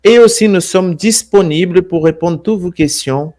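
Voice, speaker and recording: A man from Brazil with a Brazilian Portuguese accent, hosting a live stream in a gentle, unhurried, affectionate way and often repeating his words. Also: high voice. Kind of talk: casual live stream talk.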